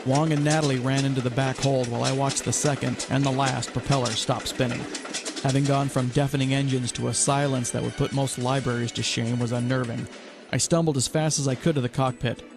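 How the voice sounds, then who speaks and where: A man and podcast host reading a first-person adventure story in a steady, measured storytelling way. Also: medium pitch, vocal fry, music in the background.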